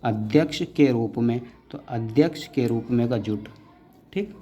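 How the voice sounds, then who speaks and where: Man slowly explaining shorthand outlines. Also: mid-range voice, mellow, faint music behind. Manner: slow and deliberate, repeating each word as he writes; often adds the tag "है ना" and gives short instructions. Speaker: shorthand teacher. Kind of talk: dictation-style tutorial explaining outlines.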